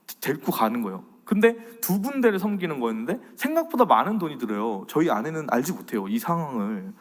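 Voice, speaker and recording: A fairly high-voiced man preaches with a lively, swinging delivery, leaning in softly and then rising loud. His voice rings with a long reverb. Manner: animated, swings between loud and soft. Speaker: pastor. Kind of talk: sermon-style faith lecture.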